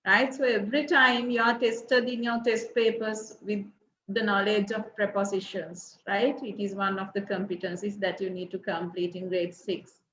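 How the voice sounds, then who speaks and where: A woman's voice: mid-range voice, level tone, normal speed, a bit bright, slight background noise. A woman teacher giving a revision lesson, checking in with "right?" and "okay?" after nearly every point. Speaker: English teacher. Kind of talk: recorded grade-six revision lesson. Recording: roomy, dull lo-fi recording.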